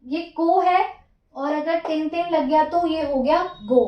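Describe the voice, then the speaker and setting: A woman walks through a writing lesson stroke by stroke, counting each one aloud and repeating each step patiently. Her voice sits high and unhurried. The recording is dull and echoey, like a small home room. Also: soft background music. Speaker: Japanese teacher.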